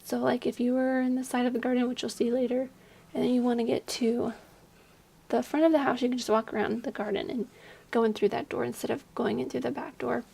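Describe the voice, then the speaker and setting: This young woman, a video creator, talks over a game build from her desk at home at night, keeping her voice down and rambling chattily with lots of fillers. She sounds slightly hoarse, as though losing her voice, and speaks a little fast at a fairly high pitch with little pitch movement.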